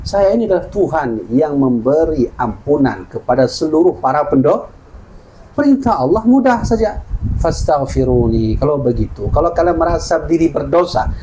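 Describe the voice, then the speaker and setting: A male preacher with an Acehnese Indonesian accent, speaking on the higher side and telling stories that he brings to life by voicing each character in turn. The recording carries a clear layer of background noise with occasional clicks. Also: very animated, normal speed. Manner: storytelling, acting out dialogue in changing voices. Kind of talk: sermon.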